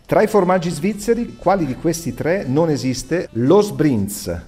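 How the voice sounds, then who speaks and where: A man's voice: a little high, expressive, measured pace, warm tone, soft background music. A man hosting a radio quiz in speech, chatty, teasing and encouraging with his guests. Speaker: radio quiz show host. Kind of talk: playful live quiz interview.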